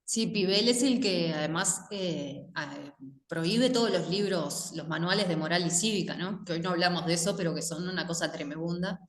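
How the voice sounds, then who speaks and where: A woman adds short remarks on a panel, her voice fairly low. She sounds off-mic, with a long hall echo around her. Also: normal speed. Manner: brief interjections to the other speaker. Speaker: panel speaker. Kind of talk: panel discussion talk.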